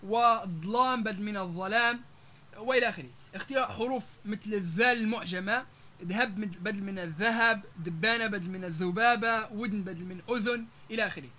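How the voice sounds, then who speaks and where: A man with a Libyan Arabic accent giving a public lecture to an audience, rattling off example words and pausing on long "aah" fillers. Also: sits high, bright, forceful tone. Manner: rapid, with frequent drawn-out "aah" fillers, listing example words one after another.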